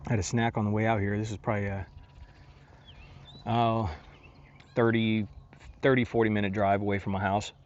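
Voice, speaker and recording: A man casually narrating his camping trip outdoors at a lakeside campsite, talking in a relaxed, rambling way with lots of fillers and restarts. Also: fairly low pitch, normal speed, pauses often, muffled recording. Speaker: outdoor vlogger.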